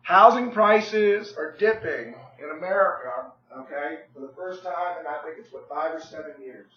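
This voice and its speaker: Hoarse man, high voice, pushy real estate pitch on a phone call, echoey dull room. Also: lively intonation, normal speed. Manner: persuasive, pushy, repeats "okay?" and "right?"; clears throat often. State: hoarse, losing his voice.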